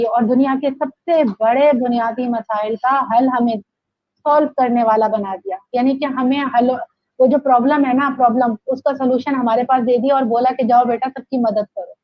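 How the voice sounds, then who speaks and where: Speaking on the high side, this Pakistani direct-sales leader appears as an interview guest, delivering a rousing testimonial full of emphasis and repeated phrases. The sound is lo-fi with no room sound.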